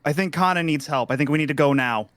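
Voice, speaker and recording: A man playing a tabletop game, asking jumpy, excitable questions. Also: on the high side, quick pace, dry recording. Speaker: player. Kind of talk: casual tabletop play.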